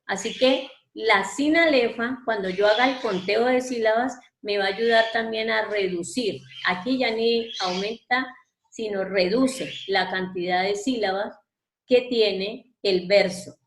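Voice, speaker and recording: A woman's voice: fairly high pitch, roomy sound, low-quality recording. A woman teacher giving an online lesson, patiently explaining verse step by step and stretching out syllables as she counts them. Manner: patient, step-by-step, addresses student formally. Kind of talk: online class explaining poetry.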